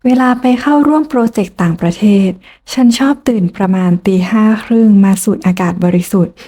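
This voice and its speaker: Woman, mellow warm voice, calm first-person narration, romance audiobook. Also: medium pitch, brisk.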